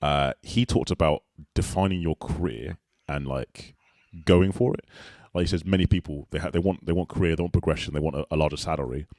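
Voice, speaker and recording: A young man hosting a casual chat, asking quick, jokey, teasing questions. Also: extremely low pitch, a little mellow, no room sound, clean studio sound. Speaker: host.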